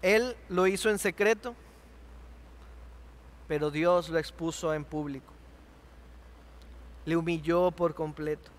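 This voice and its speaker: A male pastor with a Mexican Spanish accent preaching a sermon, swinging between impassioned outbursts and hushed, quiet passages. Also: high-pitched. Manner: impassioned, rises to near shouting on quoted laments then drops to hushed.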